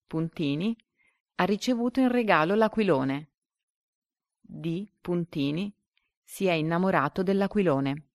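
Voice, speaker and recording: A woman reading a story and then a comprehension quiz aloud like a teacher. She reads the quiz options slowly and deliberately. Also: lowish voice, a little mellow, dry recording, studio quality.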